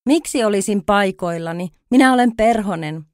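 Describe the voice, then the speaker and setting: A woman's voice: mid-range voice, darkish tone, dry recording, clean studio sound, close to an everyday voice. Woman doing a vain, haughty butterfly. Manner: haughty, self-satisfied.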